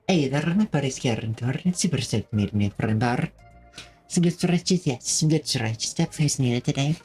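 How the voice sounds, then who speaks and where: A streamer chats loosely with viewers in a slightly husky voice, thanking them and drifting through restarts and fillers. The pitch sits in an ordinary middle range. Faint music plays under the talk from a home desk setup. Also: a little mellow. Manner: rambling, friendly, many fillers and restarts. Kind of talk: casual live-stream chat, reading chat. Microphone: desk microphone with noise filters.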